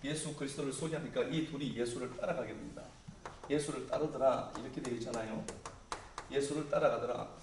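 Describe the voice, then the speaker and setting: Male pastor, mid-pitched, relaxed conversational sermon; distant mic in a very echoey hall with faint ambience. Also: a little fast, noisy background. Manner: conversational preaching, paraphrasing scripture in casual speech.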